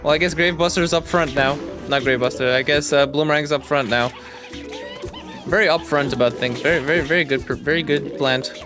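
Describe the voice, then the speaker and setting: A man's voice: a little high, a little fast, music in the background. A man hosting a gaming video with casual, rambling commentary, joking and mocking himself as he goes.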